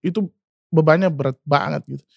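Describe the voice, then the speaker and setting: A man in his twenties tells a painful memory in a slightly high, wavering voice, stopping often on fillers. The sound is dry and close. He speaks of himself by name as he goes. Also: fairly quick, creaky, slightly rough, no echo, highs cut off. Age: 20s. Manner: emotional, refers to himself by name, many fillers. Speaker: singer guest. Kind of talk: personal storytelling.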